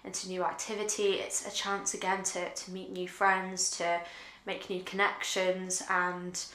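A young woman talking earnestly and reflectively to camera in a casual vlog, pausing often with fillers, seated on a sofa at home. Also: on the low side, completely flat delivery, pushed and bright, roomy sound. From United Kingdom. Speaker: vlogger. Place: living room with sofa, indoors.

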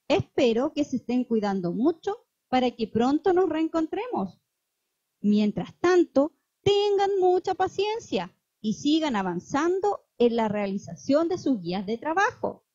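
A woman doing a tiny, affectionate teacher, high and sing-song, swooping all over as she gushes to small children. The voice sits mellow and dark, and the recording is dull, lo-fi and dry. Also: no room sound, full character voice. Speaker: kindergarten teacher. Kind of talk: children's video character.

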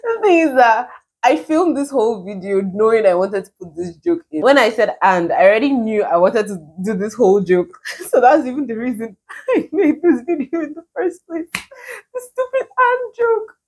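A woman's voice: fairly high pitch, expressive, moderate pace, a little mellow, breathy edge. A woman with a Nigerian accent giving casual reaction commentary in a giggly, self-mocking way. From southeastern Nigeria. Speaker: YouTuber.

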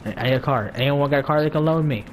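A man's voice: fairly high pitch, rapid-fire, a little hiss or hum. A man giving casual, joking gameplay commentary, swearing a lot and laughing as he plays. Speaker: gamer.

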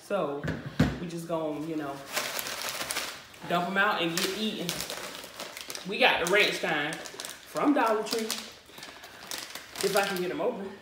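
A woman's voice: lowish voice, a little slow, long pauses. Young female vlog host, colloquial casual chat, distant echoey sound with faint noise. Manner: informal, colloquial. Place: indoor living room, around a table. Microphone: distant camera. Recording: echoey room, far mic, faint noise.

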